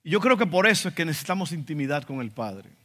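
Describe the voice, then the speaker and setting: A slightly high, fairly bright voice with a sing-song lilt and quick pace belongs to a pastor from the Dominican Republic. Speaking with a Dominican accent, he preaches an emphatic sermon with quotes acted out in asides, recorded in a reverberant church hall.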